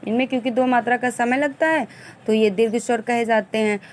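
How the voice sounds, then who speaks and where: Woman teacher with a fairly high voice. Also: fairly even intonation, brisk, a little hiss or hum. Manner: explains step by step, sounding out vowels and examples; restarts and corrects herself mid-phrase. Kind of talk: exam-prep Sanskrit grammar lesson.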